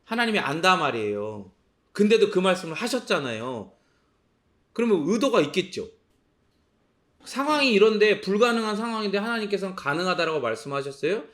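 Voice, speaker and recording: Man, pastor, sermon, lively swooping delivery, high voice, rhetorical questions. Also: brisk. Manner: animated, asks rhetorical questions and answers them; acts out quoted lines in a sharp voice.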